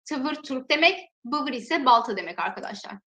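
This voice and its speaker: Woman language teacher with a high voice. Slow, careful pronunciation drills in an echoey room. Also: animated, bright, forceful tone. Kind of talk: alphabet lesson with repeated example words.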